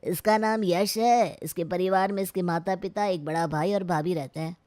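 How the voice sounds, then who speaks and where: A woman's voice: fairly low pitch, fairly even intonation, moderate pace, dry recording, natural voice. Brief: woman voicing a reassuring storybook uncle, fatherly, dry studio sound. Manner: gentle, fatherly. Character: kindly middle-aged uncle, reassuring. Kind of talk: storybook voice acting.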